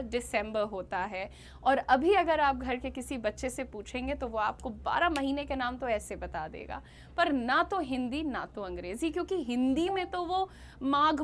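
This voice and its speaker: An Indian woman, a young adult, teaching English pronunciation in Hindi and stretching out each model word slowly. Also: sits high. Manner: slow, drawn-out model words. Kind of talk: pronunciation lesson.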